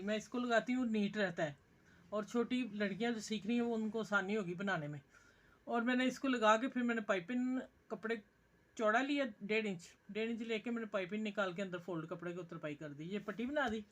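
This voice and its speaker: A woman's voice: a little high, brisk. A woman with a Pakistani Urdu accent, teaching a stitching tutorial in a homely, chatty, encouraging way. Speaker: sewing teacher.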